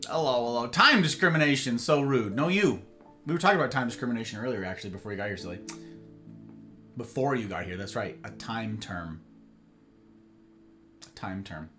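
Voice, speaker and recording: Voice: mid-range voice, animated, fast, bright, forceful tone, soft background music. A live streamer host chatting casually with viewers in a playful, rambling way, full of silly slang.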